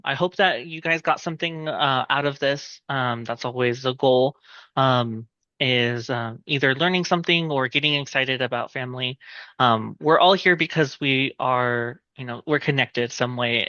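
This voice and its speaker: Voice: mid-range voice, steady tone, normal speed, pushed and bright, no echo, lo-fi sound. A host giving closing remarks on a video call, hesitant and full of fillers. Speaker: host wrapping up the meeting.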